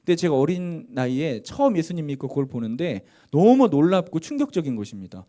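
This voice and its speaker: Male pastor, animated storytelling sermon, higher-pitched voice, dramatic swings from hushed to loud. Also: fairly quick. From South Korea. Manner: storytelling testimony with dramatic acted quotes; swings between soft asides and loud emphatic peaks.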